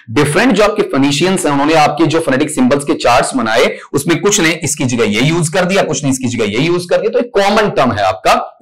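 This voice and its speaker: A man's voice: fairly high pitch, poor audio. A male English teacher, giving an exam-prep lecture on phonetics. He explains step by step, asks his own questions and answers them, and addresses the students as "beta".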